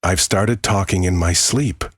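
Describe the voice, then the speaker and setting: Man as worried girlfriend, horror story, embarrassed, pleading, hesitant, husky, dry recording. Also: deep voice, unhurried, no echo. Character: embarrassed, pleading young girlfriend confessing a frightening secret.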